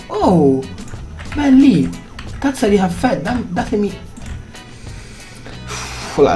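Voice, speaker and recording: Male gamer commentating his own play, jumpy and loud at surprises, casual swearing, faint music underneath. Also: a little high. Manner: excitable, reactive, swears casually, talks to viewers. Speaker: gaming YouTuber. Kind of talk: gameplay commentary.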